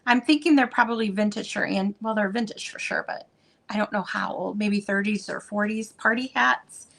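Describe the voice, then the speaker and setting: A woman selling vintage items, chatting casually and meanderingly as she unpacks, with plenty of fillers, and a voice that is going a bit hoarse. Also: mid-range voice, moderate pace, a bit bright, low-quality recording. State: losing her voice. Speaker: vintage seller showing stock. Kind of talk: casual unboxing chat.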